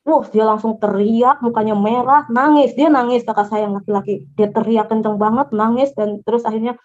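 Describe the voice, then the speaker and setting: A woman from Java earnestly telling her personal faith testimony in an animated way. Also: on the high side, brisk. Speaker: testimony speaker. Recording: dull lo-fi recording.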